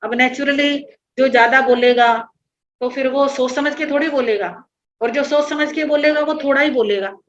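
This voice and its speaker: Patiently going line by line, a female religious teacher speaks at a normal speed in a higher voice. The online class recording sounds dull and lo-fi.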